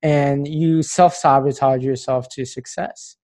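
A man's voice: medium pitch, steady tone, unhurried, darkish tone. A man interviewing a guest, encouraging her with frequent "mm-hmm" prompts and sums up her points. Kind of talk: interview questions.

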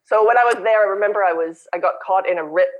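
A woman raised in Canada, a podcast guest and company founder, chatting and telling lively stories over a remote call. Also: medium pitch, fast talker, phone-quality sound. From born in South Africa, raised in Canada. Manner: chatty, storytelling, animated. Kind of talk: casual interview chat. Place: home in Brazil, remote call.

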